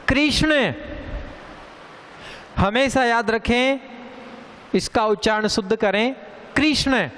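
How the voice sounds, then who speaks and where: A man teaching a Hindi grammar lesson on correct pronunciation, speaking deliberately and repeating words to stress the right sound. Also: high-pitched. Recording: long reverb, faint ambient noise.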